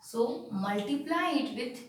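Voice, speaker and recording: A woman's voice: fairly high pitch, expressive. A woman teacher who explains a lesson step by step, often asking checking questions and answering them herself. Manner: slow and emphatic when spelling out digits. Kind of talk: classroom lesson on binary numbers. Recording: echoey room, far from the mic.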